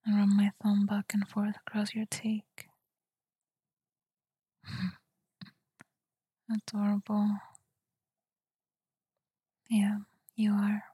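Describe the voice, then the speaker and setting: A woman whispering softly in a tender, soothing ASMR roleplay, speaking close to the mic. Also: medium pitch, completely flat delivery, no room sound. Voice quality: breathy whisper. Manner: soft, tender and soothing, slow murmurs. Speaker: girlfriend roleplayer.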